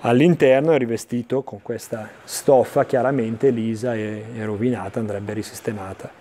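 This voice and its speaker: Male infomercial presenter, dark relaxed voice, measured and explanatory, unscripted sales delivery. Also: medium pitch, a little hiss or hum. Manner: explanatory, measured, with searching pauses and repetitions. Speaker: antiques dealer presenting items on a TV sales show. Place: indoor furniture showroom.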